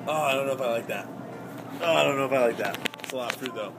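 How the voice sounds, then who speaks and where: Racing along over music, this young man's mid-range voice rambles to the camera as he does errands, moving from his car to a grocery store. The vlogger is chatty, exclamatory and prone to tangents, filming on a handheld camera he puts down, with clear ambient and vehicle sounds around him.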